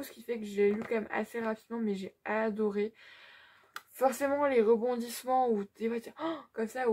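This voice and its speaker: Gravelly young woman gushing about books. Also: fairly high pitch, a little mellow. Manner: chatty and gushing, with many fillers. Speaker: book vlogger. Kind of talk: casual reading update.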